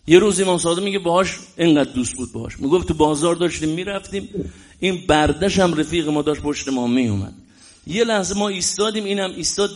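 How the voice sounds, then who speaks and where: A man preaching a religious sermon in an emphatic way, often rising into loud exclamations. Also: a little high.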